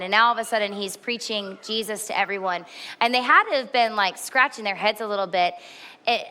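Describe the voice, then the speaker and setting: A woman's voice: medium pitch, bright, forceful tone. A woman in her forties preaching a sermon, earnest and candid, with emphatic repetition. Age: 40s. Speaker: pastor.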